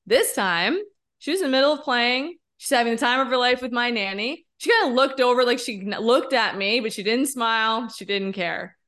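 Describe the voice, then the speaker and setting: A woman in her thirties co-hosting a podcast, talking in an emphatic, expressive, candid way and often tossing in a rhetorical "right?". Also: on the high side, fairly quick. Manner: candid, occasionally swearing. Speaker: podcast co-host. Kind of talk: casual podcast conversation.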